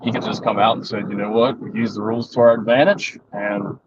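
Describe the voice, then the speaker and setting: A man's voice: on the low side, fairly even intonation, a little fast, highs cut off, background noise. A man co-hosting a casual podcast chat over a remote connection that breaks up, making his voice sound glitchy and robotic. He talks bluntly, with some swearing. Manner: blunt and profane. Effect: glitchy, choppy robotic voice from a breaking-up connection. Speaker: podcast co-host. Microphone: remote call.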